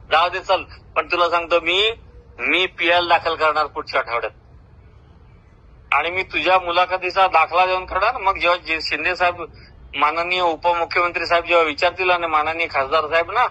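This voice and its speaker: A pushed, bright, fairly high voice belongs to an older Maharashtrian man with a Marathi accent, a retired government officer. He brags and confronts at length during a heated, informal phone call that was recorded.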